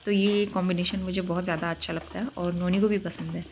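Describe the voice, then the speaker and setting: Calm woman narrating a vlog voice-over. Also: lowish voice, fast, background noise. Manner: calm, step-by-step explaining. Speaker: home vlogger.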